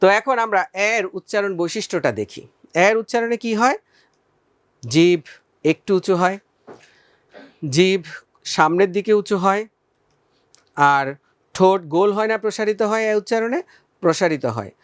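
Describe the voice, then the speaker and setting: A man gives a recorded school lesson in a fairly high voice, pausing to pose questions and then answer them. He draws out each vowel slowly so students can copy him. The sound is dry and close, with no room echo. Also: smooth. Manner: patient, addresses students as friends, asks and answers own questions. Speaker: teacher.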